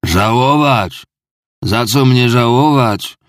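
Audiobook: man doing a boozy older male ex-clerk, raised gravelly voice, pleading, rambling, husky, dry close sound. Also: fairly low pitch, animated, slow, dry recording, pitched above the performer's own voice, heavily acted. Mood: exalted. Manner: pleading, rambling, theatrical confession. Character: drunken, self-pitying older male ex-clerk. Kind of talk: audiobook character reading.

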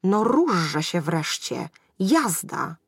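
A woman's voice: lowish voice, very animated, extremely slow, slightly rough, no echo, clean studio sound, heavily acted. A woman reading the lines of a self-assured, mocking woman who scolds a drunk sorcerer in a storybook. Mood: scolding.

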